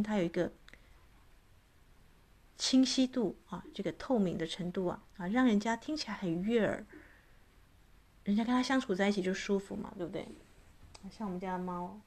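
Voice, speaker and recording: A woman's voice: medium pitch, moderate pace, pauses often, darkish tone. A woman, a voice coach talking casually to her audience, chatty and full of filler particles. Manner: chatty, many filler particles, imitates cat meows. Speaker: voice and astrology coach.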